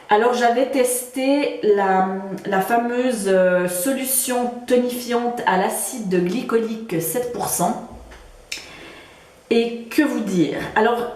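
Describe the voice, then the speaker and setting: A woman's voice: medium pitch, a little mellow. A woman with a Swiss French accent casually reviewing beauty products she has used up, with frequent fillers and restarts. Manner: hesitant, many fillers and restarts. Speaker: beauty vlogger. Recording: roomy echo.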